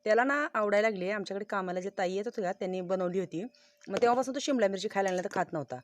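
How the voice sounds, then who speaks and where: A woman's voice: medium pitch, racing, no room sound. Chatty woman, dry close sound. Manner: chatty, homely, talks to viewers directly. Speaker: vlogger. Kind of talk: casual farm vlog narration. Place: outdoors on a farm field.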